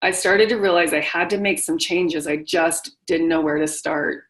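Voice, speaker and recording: A woman's voice: deep voice, steady tone, moderate pace, fairly bright tone, low-quality recording. A middle-aged woman hosting a motivational webinar, speaking directly and encouragingly to her listeners. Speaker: webinar host and widowhood coach.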